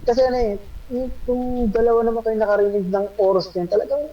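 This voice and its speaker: Fast-talking woman on a dull distant mic. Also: a little high. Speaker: guest streamer. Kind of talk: casual chat.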